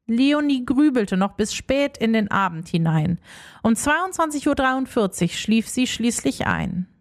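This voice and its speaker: A woman narrating a children's story in an expressive storybook reading. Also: a little high, measured pace. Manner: expressive, lively.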